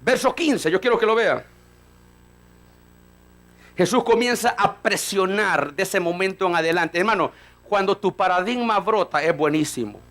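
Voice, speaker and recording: A man preaching a fiery sermon, rising to shouts and acting out dialogue between characters. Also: sits high, moderate pace, long pauses. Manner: fiery, rising to shouts, acts out voices of Peter and God.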